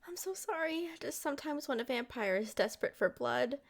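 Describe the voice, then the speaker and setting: This woman plays an ASMR vampire girlfriend, ages old but youthful in appearance, addressing the listener with expressive sweetness and affection. Her voice is high, gravelly and exaggerated, moving fairly quickly, and she sounds apologetic and concerned.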